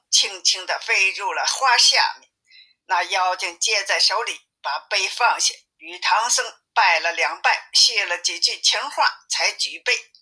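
A woman narrating a classic adventure tale as an audiobook, in a clear, lively storytelling manner. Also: mid-range voice, rough recording.

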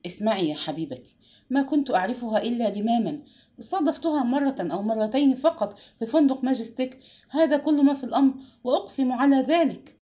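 A woman reading aloud and voicing a frightened young man accused of murder, in a low, strained and sullen way. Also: animated, quick pace, warm tone, lightly acted. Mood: tense, sullen.

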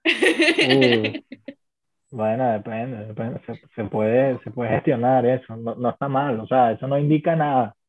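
A man's voice: medium pitch, fairly even intonation, normal speed, hardly any pauses, mellow, low-quality recording. A man with a Venezuelan accent co-hosting a podcast in casual chat, blunt and swearing freely. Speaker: podcast co-host.

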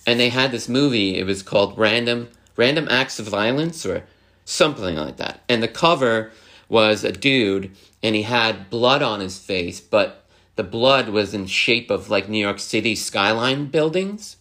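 This is a young man in a casual podcast chat who talks in loose, halting bursts. He circles back and restarts his thoughts often, and he gets animated when he slips into imitating other people. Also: fairly low pitch. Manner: rambling and halting, full of restarts and fillers.

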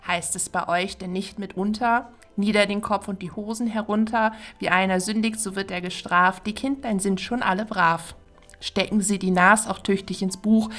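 A woman podcast host reciting a classic Christmas poem in a measured, rhythmic way. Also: medium pitch, fairly bright tone.

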